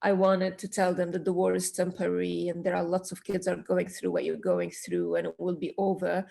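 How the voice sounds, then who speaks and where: A woman's voice: fairly low pitch, fairly quick, gravelly, warm tone. A woman from Syria, a children's author, answering interview questions earnestly and with passion, with small restarts.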